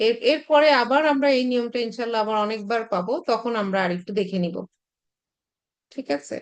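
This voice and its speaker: Woman teaching patiently. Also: a little high. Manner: patient, repetitive explanation with many fillers. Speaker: Arabic teacher. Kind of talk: recorded online class lecture.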